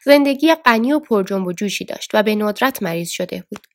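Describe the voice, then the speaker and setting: A woman narrating a book as a steady, scripted audiobook reading. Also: mid-range voice, no echo, studio quality. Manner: steady storytelling.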